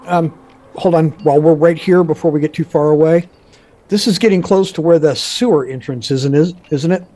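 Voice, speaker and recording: A man playing a tabletop game, chatting casually in a halting, offhand way. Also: a little high, warm tone.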